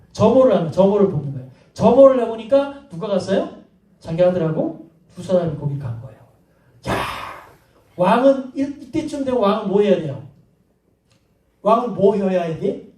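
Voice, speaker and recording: A male pastor preaching a sermon, telling a story with lively acted-out dialogue and asking the congregation questions. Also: high voice. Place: church sanctuary. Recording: roomy hall sound from a distant mic.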